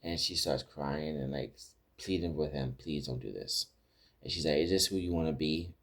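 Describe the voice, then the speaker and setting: A bass-voiced man hosts a podcast, rambling through casual recaps of TV episodes with many restarts and acted-out quotes. His intonation is fairly even and his pace moderate.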